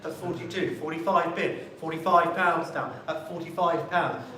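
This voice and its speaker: A man's voice: on the high side, fairly even intonation, moderate pace, a bit bright. A man working as an auctioneer in a live sale, politely calling lots and repeating bids in a rhythmic chant. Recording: very echoey room, distant mic, faint noise.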